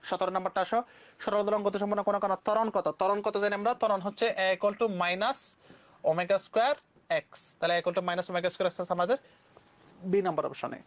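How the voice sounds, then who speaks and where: Brisk young Bangladeshi male tutor. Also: sits high, steady tone. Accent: Bangladeshi Bengali. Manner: brisk, mixes English terms into Bengali. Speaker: physics tutor. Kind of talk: exam-prep lesson.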